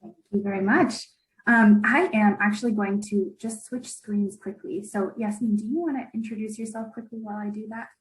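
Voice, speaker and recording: A woman graduate student speaking briskly as she opens her part of a webinar. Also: medium pitch, steady tone, low-quality recording. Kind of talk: webinar introduction. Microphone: video call.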